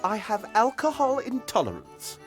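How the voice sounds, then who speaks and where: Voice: medium pitch, wildly swooping pitch, normal speed. An actor playing a lazy, grumpy male troll who complains in a huffy, whiny way. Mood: grumbling. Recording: game audio with faint music.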